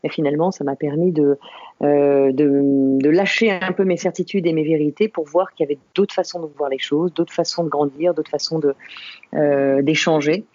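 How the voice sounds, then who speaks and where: A reflective woman of about fifty from the Paris suburbs speaks as a podcast guest, unhurried and full of pauses. Her voice is mellow and dry, and the audio sounds a little dull and lo-fi. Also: sits low, fairly even intonation, no room sound. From Paris suburbs, France. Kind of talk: podcast interview conversation.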